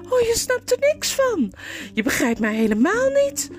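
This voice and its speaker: A woman reading a storybook aloud and voicing a whiny, easily frightened young noblewoman in a high, squeaky, tearful wail. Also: lively intonation, measured pace, faint music behind. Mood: whining.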